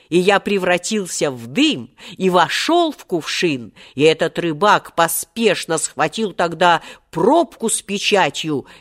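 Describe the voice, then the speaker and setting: A woman voicing an ancient, cunning and wrathful male genie in a storybook reading, with grand, booming threats.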